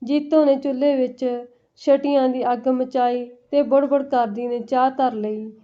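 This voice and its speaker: A woman narrating a family story in a steady, plain telling. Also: high voice, normal speed. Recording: dull lo-fi recording.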